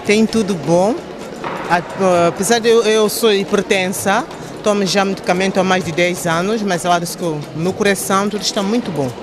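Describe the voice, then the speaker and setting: A woman's voice: medium pitch, steady tone, moderate pace, music in the background. An older woman interviewed as a visitor, earnestly telling of her health results. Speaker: event visitor. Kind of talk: interview answer.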